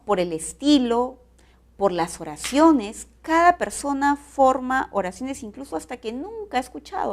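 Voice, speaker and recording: A woman teaching a recorded class, explaining step by step and often checking in with tag questions. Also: on the high side.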